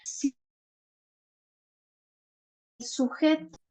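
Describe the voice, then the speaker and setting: A woman's voice: drawn-out words, warm tone. A woman giving an online class lecture over a video call, her audio choppy and cutting out as she explains and keeps checking whether she can be heard.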